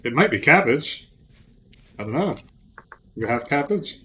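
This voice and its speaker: A man's voice: medium pitch, very animated, a little slow, pushed and bright, slight background noise. A man giving casual gameplay commentary on a livestream, thinking aloud and joking with his chat. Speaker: streamer.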